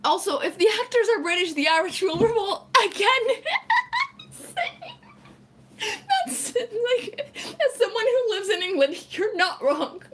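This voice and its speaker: A woman's voice: very high voice, lively intonation, measured pace, pauses often, a bit bright, a little hiss or hum. A young Portuguese woman, English not her first language, chatting casually on a stream, reading comments and laughing often. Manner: chatty, laughs a lot, lots of "like" fillers. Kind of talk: casual live chat.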